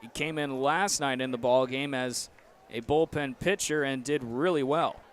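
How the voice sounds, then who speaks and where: This is live sports play-by-play from a young American announcer, medium in pitch and normal in speed. Behind him you can hear outdoor ambience, the sound of a ballpark or arena.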